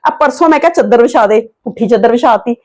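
A woman's voice: fairly high pitch, expressive, quick pace, a little mellow, natural voice. A young woman, playing a sensible wife who firmly lectures her husband about his sister.

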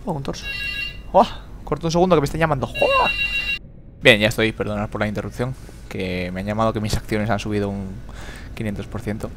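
A man's voice: fairly low pitch, fast, noisy background. A man giving frantic horror game commentary, swearing a lot and repeating words in panic. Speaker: gamer.

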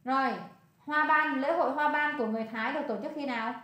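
A woman's voice: high-pitched, quick pace, a bit bright. A woman with a Vietnamese accent tutoring a student in English, coaxing and repeating the answers. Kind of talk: one-on-one tutoring session. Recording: echoey room.

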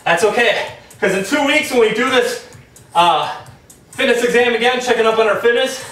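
Breathless, bright-voiced fitness coach man. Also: very high-pitched, moderate pace, slight background noise. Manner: energetic, encouraging, counting out moves. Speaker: fitness instructor. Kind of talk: coaching a home workout. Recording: echoey room from far off, music behind.

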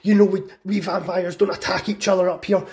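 A man's voice: high-pitched, little pitch movement, a little fast, darkish tone. A man voicing a crude, hostile male vampire who sneers and swears in a retold film scene. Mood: sneering. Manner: sneering, profane.

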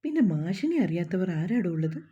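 A gentle, reassuring young man, as a woman reading a story puts him on. The tone is warm and husky, and the recording is dull. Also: on the low side, very animated, brisk. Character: Vishnu, calm kindly young man.

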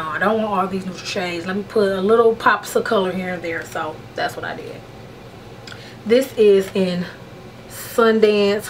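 A woman's voice: mid-range voice, slight background noise, rough recording. A woman beauty vlogger chatting casually through a makeup unboxing, frank and slangy, calling her viewers "honey".

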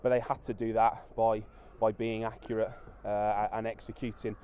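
A man's voice: fairly low pitch, level tone, normal speed, dark tone, dull audio, slight background noise. A man in his thirties, a rugby coach, giving a post-match interview outdoors at a floodlit ground, talking with many fillers and restarts.

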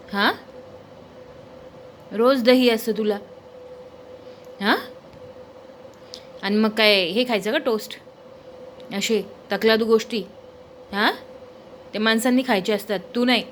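A woman's voice: a little high, fairly even intonation, unhurried, pauses often, a little hiss or hum. A woman chatting casually to her pet dog, coaxing and teasing it with repeated questions. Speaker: pet owner vlogger.

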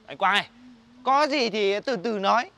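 A man's voice: high voice, lively intonation, moderate pace, gravelly, sharp tone, heavily acted. A young man, acting as a chatty coworker who coaxes a crying friend in a comedy short film. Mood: coaxing.

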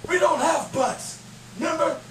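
A cheeky sock puppet sidekick, played by a man who squeaks his snark from way up high. He is hidden behind the puppet booth, so he sounds off-mic in a roomy space. A faint hiss sits under him. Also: unhurried. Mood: snarky. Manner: snarky, bickering, mock-preachy. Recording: roomy, distant voice with faint noise.

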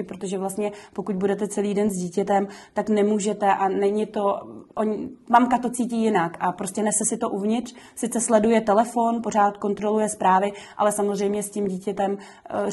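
A woman's voice: mid-range voice, a little mellow. Earnest woman kindergarten director. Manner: earnest and explanatory, with frequent fillers. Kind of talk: documentary interview answers.

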